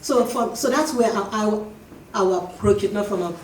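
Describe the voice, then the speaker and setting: Woman panel speaker, mellow tone, roomy hall sound. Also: mid-range voice. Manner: reflective, emphatic, slows to stress points. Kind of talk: panel discussion answer. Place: event hall. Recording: echoey hall, distant mic, faint noise.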